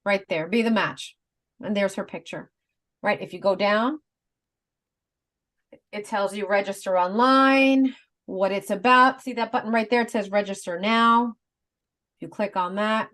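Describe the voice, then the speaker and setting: A woman's voice: medium pitch, measured pace, long pauses, fairly bright tone. A woman in her fifties on a talk show, earnestly explaining step by step and laughing easily. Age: 50s. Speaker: guest advocate. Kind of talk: casual explanatory chat.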